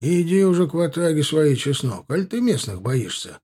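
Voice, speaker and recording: Guy doing a teasing officer, drawly and mocking, mellow husky voice. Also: on the high side, very animated, normal speed. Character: wry, teasing army officer.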